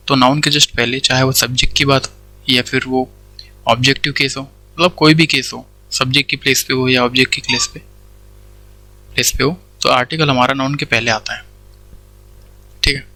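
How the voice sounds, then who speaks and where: Bright-voiced man teaching grammar. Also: mid-range voice, no echo, rough recording. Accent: Indian English. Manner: explains step by step, asks questions and answers them himself, says "theek hai" often. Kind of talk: Hindi-English classroom lecture.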